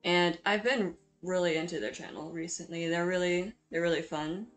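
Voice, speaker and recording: Woman doing a chatty video voiceover, kinda low voice, hesitant n apologetic, music in the back. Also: moderate pace. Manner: hesitant, apologetic, self-deprecating. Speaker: video creator hosting a drawing speedpaint. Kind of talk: chatty, informal voice-over narration. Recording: music playing behind the voice. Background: background music.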